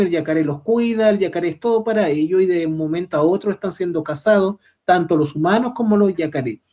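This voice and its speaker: A man with a Chilean accent co-hosting a literary program, explaining a novel in a steady, explanatory way. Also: high voice. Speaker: co-host. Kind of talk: literary discussion.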